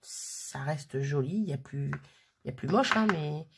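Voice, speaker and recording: A woman's voice: low-pitched, animated, moderate pace, noisy background. A woman chatting casually through a hands-on craft demo, full of fillers and little "hop" sounds as she works. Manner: chatty, filler-heavy, frequent "hop" while working. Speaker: crafting vlogger.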